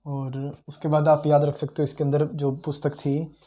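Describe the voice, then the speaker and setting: Mellow-voiced male teacher. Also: fairly high pitch, monotone. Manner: conversational, repeats key terms, frequent "uh" pauses while recalling. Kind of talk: informal history lecture.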